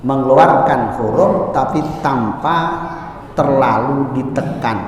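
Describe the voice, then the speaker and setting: A man teaching Quran recitation in a mosque, moving between plain explanation and slow, melodic chanted verses. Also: mid-range voice, highs cut off, slight background noise. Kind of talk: religious lesson with chanted recitation. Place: large mosque hall. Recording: echoey mosque hall, mic far off.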